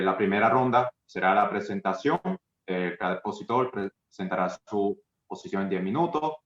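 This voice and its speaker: A man's voice: fairly low pitch, a bit bright. A man moderating a church livestream, with formal, blessing-filled announcements over a video call. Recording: echoey, dull lo-fi sound.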